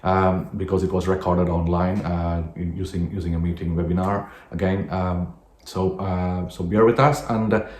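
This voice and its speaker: Low-voiced man, echoey re-recorded sound. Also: level tone, moderate pace, a little mellow, slight background noise. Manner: hesitant, with frequent filler sounds. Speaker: host introducing a recorded webinar. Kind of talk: unscripted spoken introduction.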